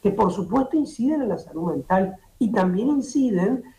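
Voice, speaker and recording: This middle-aged Uruguayan doctor has a high, mellow voice with lively intonation and a moderate pace. Appearing on a streaming show via video call from his home office, he gives lengthy explanations in Uruguayan Spanish, full of restarts and fillers. The laptop or webcam audio comes across echoey.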